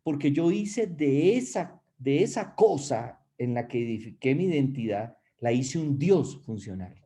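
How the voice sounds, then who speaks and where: A man's voice: mid-range voice, lively intonation, unhurried, dark tone, close to an everyday voice. A man voicing a vain person who frets over their looks, with sighing, lamenting speech. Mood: dismayed. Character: vain person dismayed by aging.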